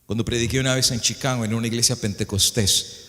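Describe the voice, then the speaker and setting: A man's voice: mid-range voice, fairly even intonation, fast talker, fairly bright tone. Impassioned male pastor in a reverberant hall. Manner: storytelling that builds to impassioned preaching. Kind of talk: sermon.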